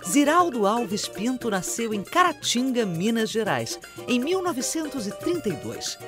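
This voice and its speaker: A woman reads scripted documentary narration with a measured pace and a lively, rising-and-falling pitch. Clear music plays under her voice.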